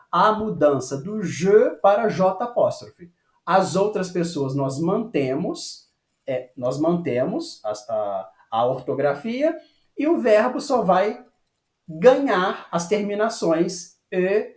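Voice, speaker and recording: A man teaching a French lesson, patiently checking with "ok?" and slowing down to model phrases. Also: high voice, darkish tone. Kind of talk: online language lesson. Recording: echoey room.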